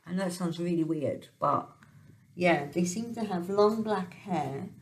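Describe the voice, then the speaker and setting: A woman's voice: fairly low pitch, a little slow, slight background noise. A woman talking casually at home about her dreams, hesitant and full of ums and restarts. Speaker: tarot reader sharing dream interpretations. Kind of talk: casual monologue. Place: home, dog nearby.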